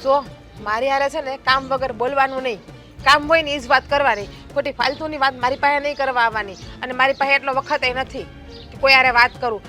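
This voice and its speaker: A woman's voice: high-pitched, steady tone, fairly quick, sharp tone, soft background music. Woman playing a scolding village sister-in-law. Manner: scolding, blunt and quarrelsome. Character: strict sharp-tongued village woman, elder sister-in-law. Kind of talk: family drama acting.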